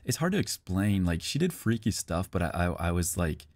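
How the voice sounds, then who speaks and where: A man's voice: sits low, big pitch swings, moderate pace, dry recording. A man streamer telling a long personal story in a rambling, casual way, often repeating himself and swearing.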